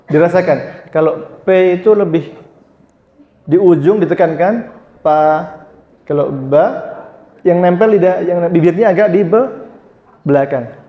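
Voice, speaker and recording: A man's voice: fairly high pitch, echoey room, dull audio. A man teaching Quran recitation, drawing out sounds and explaining them patiently.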